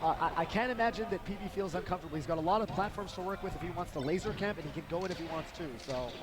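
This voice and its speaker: High-pitched fast male caster over crowd. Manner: excited, fast exclamations. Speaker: esports commentator. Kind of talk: play-by-play commentary. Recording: broadcast with loud crowd and music.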